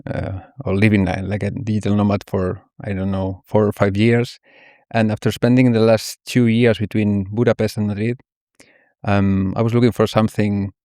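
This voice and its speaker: A man's voice: fairly low pitch, warm tone, no room sound, clean studio sound. A man who is a guest on a podcast, speaking hesitantly and searching for his words. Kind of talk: podcast interview.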